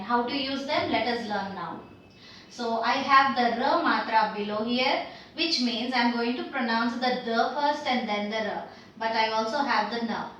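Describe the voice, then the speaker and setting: A woman teaching Hindi letters and sounds, patiently repeating each sound slowly for learners. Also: a little high, a bit bright, a little hiss or hum. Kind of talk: language lesson. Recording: roomy echo, mic at a distance.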